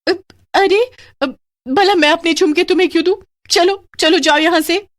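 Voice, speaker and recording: A woman voicing a greedy, excitable young wife whose voice goes shrill. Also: normal speed, no room sound, clean studio sound. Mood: flustered.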